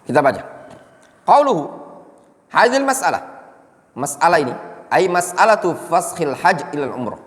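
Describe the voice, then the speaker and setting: Ustadz berlogat di aula masjid yang bergema. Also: male voice, a little high, sing-song, moderate pace, pauses often. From Indonesia. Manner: explains Arabic texts line by line, jokes and quizzes the class. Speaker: ustadz teaching a mosque class. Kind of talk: religious lesson. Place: mosque hall. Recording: echoey mosque hall.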